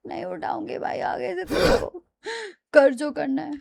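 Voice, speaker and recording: A woman streamer narrates a horror game in a high voice, talking to the characters on screen. She reacts dramatically and takes her time between lines. A faint hiss sits under her voice. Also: unhurried, gravelly, darkish tone. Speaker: gaming streamer. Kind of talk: let's play commentary.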